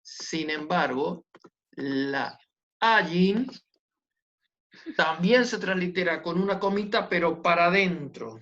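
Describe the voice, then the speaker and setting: A teacher explains things slowly and patiently, going over each point again and checking that the class is following. The recording is dull and lo-fi, with the top end muffled. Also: mid-range voice, fairly bright tone. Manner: patient, repetitive, checks understanding with tag questions. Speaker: Hebrew teacher. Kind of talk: online class lesson.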